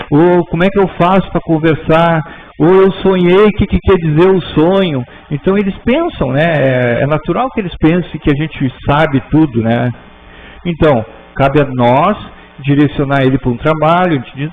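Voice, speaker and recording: A man gives an informal class to a room of students, talking conversationally with frequent "né?" tags and halting restarts. His voice sits somewhat high for a man. The sound is thin and tinny, as if over a phone line, with a faint hum behind it. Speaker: spiritist school teacher. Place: spiritist center auditorium.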